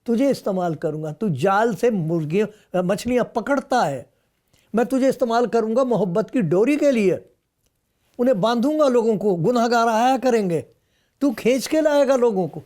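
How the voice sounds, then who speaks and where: In a very high, mellow voice full of lively intonation, a pastor narrates scripture during his sermon. He plays out the dialogue between Jesus and Peter in the scenes, now and then rising to emphatic outbursts.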